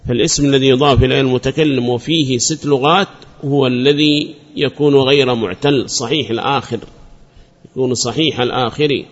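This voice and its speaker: A man teaching a grammar lesson at an even, mid-range pitch, calling on students by name and restating each rule patiently. The recording is muffled and lo-fi. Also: brisk. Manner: quizzes students by name and praises answers; repeats and restates points patiently.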